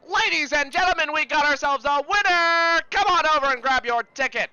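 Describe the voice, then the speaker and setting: A man voicing a loud, pushy carnival barker with booming sales patter. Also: normal speed, lo-fi sound, heavily acted. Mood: hyped.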